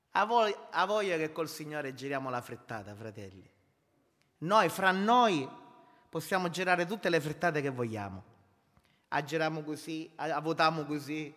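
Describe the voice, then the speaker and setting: A man's voice: fairly high pitch, a bit bright, big-room sound. A man preaching a sermon, emphatic and repetitive, calling his listeners brothers. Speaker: pastor.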